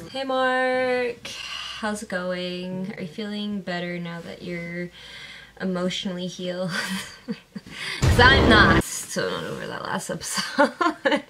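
A young woman hosting a reaction video, chatting casually and excitably and laughing often. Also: lowish voice.

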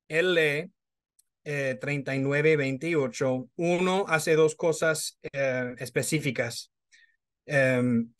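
A middle-aged man, a native English speaker with American-accented Spanish and occasional Madrid pronunciation, presenting haltingly in a webinar on a video call. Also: a little high, fairly bright tone. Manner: halting, hesitant non-native delivery. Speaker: education agency presenter. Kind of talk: webinar presentation, translating prepared answers.

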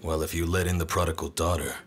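Man playing a very deep-voiced, proud son. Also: level tone, fast talker, a little hiss or hum, close to an everyday voice. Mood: resentful, appeasing. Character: proud, resentful adult son seeking to return home. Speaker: actor.

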